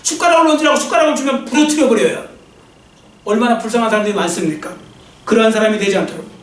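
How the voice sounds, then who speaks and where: A male pastor with an extremely high, fairly bright voice preaches an earnest, exhorting sermon at rapid-fire speed, then leads a prayer with call-and-response. He's in a church sanctuary, and the distant mic gives the recording an echoey church sound.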